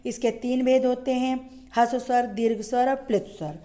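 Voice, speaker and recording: A woman's voice: a little high, fairly even intonation, moderate pace, warm tone. A woman schoolteacher giving a Hindi grammar lesson, asking questions and answering them herself, drawing out example sounds. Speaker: school teacher.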